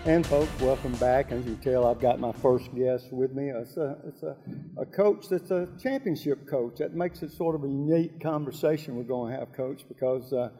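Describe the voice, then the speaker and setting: A man's voice: medium pitch, moderate pace, warm tone, soft background music. An American man hosting a local sports talk show in a folksy, conversational way, speaking straight to the listeners. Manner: folksy, addressing listeners directly. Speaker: host of a local high school sports show.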